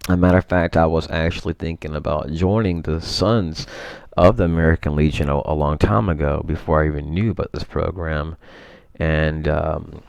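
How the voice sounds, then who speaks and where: A deep-voiced man with a gravelly edge talks through his screen share at home. He wanders and corrects himself often, leaning on fillers as he goes. The sound is dry and close, with no room around it. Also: fairly even intonation, normal speed, a little mellow, no room sound. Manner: rambling, frequent fillers and self-corrections. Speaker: vlogger. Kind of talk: casual screen-share commentary.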